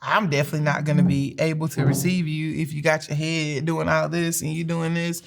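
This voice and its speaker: A woman co-hosting a relationship podcast with her husband, in calm, measured casual chat with a teasing edge. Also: sits low, gravelly. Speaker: relationship coach, co-host.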